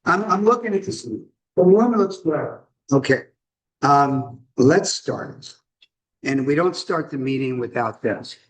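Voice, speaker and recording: A man running a club meeting in a relaxed, joking way, welcoming members and guests. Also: mid-range voice, distant mic, poor audio. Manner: relaxed, joking, slow-paced. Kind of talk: casual meeting chat.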